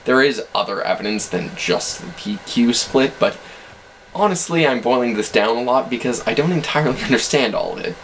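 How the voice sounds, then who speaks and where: A man's voice: mid-range voice, lively intonation, a little fast, fairly bright tone, slight background noise, low-quality recording. A man casually explaining language facts in an educational video, hedging with self-deprecating asides.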